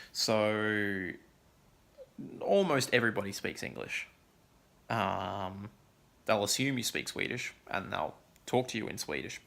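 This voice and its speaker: Low, gravelly man rambling casually. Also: a bit bright. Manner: rambling, many ums and likes. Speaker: vlogger. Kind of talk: casual chat vlog.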